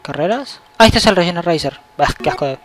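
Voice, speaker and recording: A young man, giving loose, excitable let's-play commentary and swearing at the game. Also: on the high side, fast talker, soft background music. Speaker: gaming channel host.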